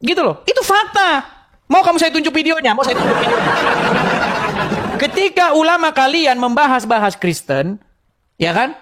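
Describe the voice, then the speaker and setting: A man's voice: extremely high pitch, sing-song, moderate pace, long pauses. A man hosting a confrontational live-stream debate, mocking and laughing often as he challenges his viewers. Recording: loud crowd and heavy background noise.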